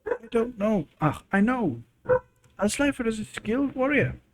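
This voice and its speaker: A man's voice: high-pitched, very animated, a little slow, over music, voice pushed up. A man doing a graying old clan mother. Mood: earnest. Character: older woman, a wise, worried clan mother. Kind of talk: narrating a role-playing game.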